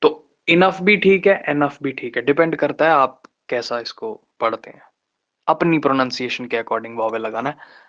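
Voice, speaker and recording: A man teaching shorthand in a live online lesson, explaining step by step with patient pauses and slowing down to spell out terms. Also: mid-range voice, a bit bright. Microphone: online class microphone. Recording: dull lo-fi online class audio.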